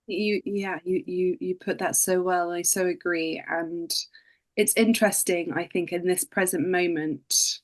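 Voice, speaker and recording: A woman's voice: fairly low pitch, fairly even intonation, measured pace. A woman author on a panel, speaking thoughtfully with many "you know" and "kind of" fillers. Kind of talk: panel discussion.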